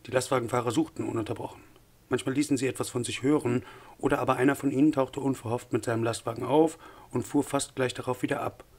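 A man with a husky, mid-range voice reads an audiobook. His narration is measured and even.

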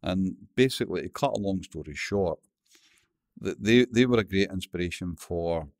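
Deep-voiced and moderately paced, an older Glaswegian guest from Scotland mumbles his way through stories in a casual interview, cursing freely. There's no echo, and the audio is studio quality.

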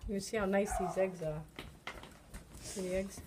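In a noisy home video shot on a phone camera that someone else holds, a middle-aged woman with a New England accent demonstrates bread-making in her kitchen, children around her. She kneads by hand while chatting in a coaxing way, her mid-range voice fairly even and moderately paced.

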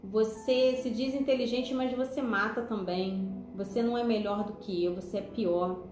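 A woman voicing a tormented male demon who cries out in frantic, shrill shouts. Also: fairly even intonation, moderate pace, echoey room, background noise, natural voice. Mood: accusing.

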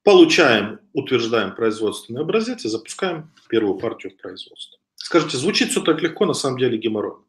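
An echoey webcam recording from a home room lined with wooden shelves catches a thirties-aged man teaching an online business lecture over slides. His mid-range voice is sing-song and fairly quick. He talks casually, with frequent hesitations, restarts, and a slight cold-induced cough.

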